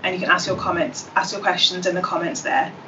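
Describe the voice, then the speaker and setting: A young woman in her twenties hosting a webinar as a graduate ambassador, relaxed and dotted with ums. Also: fairly low pitch, fast talker. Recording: distant dull webinar audio with faint hiss.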